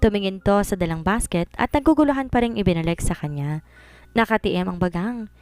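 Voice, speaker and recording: Smooth-voiced woman storyteller. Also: medium pitch, fairly quick, dry recording, soft background music. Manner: steady, mixing two languages. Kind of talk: reading a serialized romance story.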